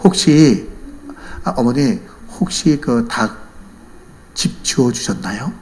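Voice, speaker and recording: A man voicing a village chicken seller who asks slow, matter-of-fact questions. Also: mid-range voice, expressive, darkish tone, voice pushed down. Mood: probing. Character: calm, knowing male village chicken seller.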